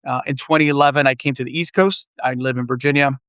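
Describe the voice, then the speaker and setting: A middle-aged man from Puerto Rico, a guest on a remote podcast, talking in a measured casual way with many small pauses. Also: medium pitch, fairly even intonation, fairly bright tone, smooth, dry recording. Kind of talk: casual interview chat. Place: remote, virtual studio.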